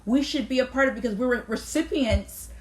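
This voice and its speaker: A woman's voice: on the high side, a little fast. Canadian woman pastor, earnest conversational voice, rhetorical questions. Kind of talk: conversational discussion.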